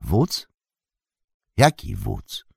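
Man voicing a calm, wry hobbit. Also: fairly low pitch, very slow, vocal fry, breathy edge, no echo, studio quality, full character voice.

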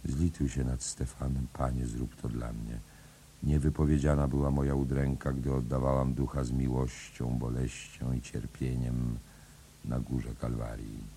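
A man voicing a dying mother who prays slowly in a hushed, moaning voice. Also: a bass voice, level tone, gravelly, a little hiss or hum, full character voice. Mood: mournful. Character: dying, grieving mother, pleading prayer.

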